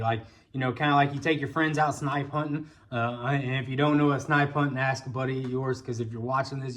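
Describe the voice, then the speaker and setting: He's a folksy, colloquial vlog host from Indiana who also guides bowfishing trips, telling a casual personal story. His mid-range voice sounds a bit bright.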